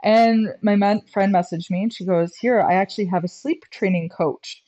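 A woman guest on a podcast, chatting casually and telling lively stories, acting out quotes and laughing often. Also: medium pitch, moderate pace. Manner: animated storyteller, acts out quotes, laughs often. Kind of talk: casual interview chat. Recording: dull lo-fi sound.

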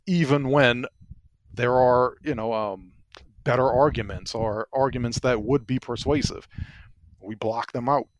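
Man, podcast co-host, thinks out loud and laughs at himself; dry booth sound. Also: medium pitch, no room sound. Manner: reflective, self-deprecating, laughs often. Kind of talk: casual political podcast chat.

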